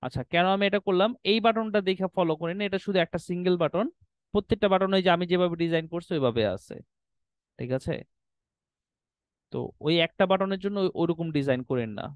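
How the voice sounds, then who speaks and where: A screen-recorded tutorial features a man teaching web design, explaining website settings on screen with English terms mixed in and repeated check-ins of "ঠিক আছে?". His high voice is fast and smooth, and the recording is dry, with the highs cut off.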